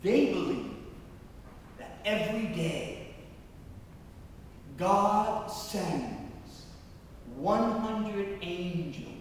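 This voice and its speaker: A man preaching a parish mission sermon, telling stories with dramatic pauses and emphatic rises. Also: high-pitched, slight background noise. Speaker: priest leading a parish mission. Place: large church. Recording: echoey church from far off.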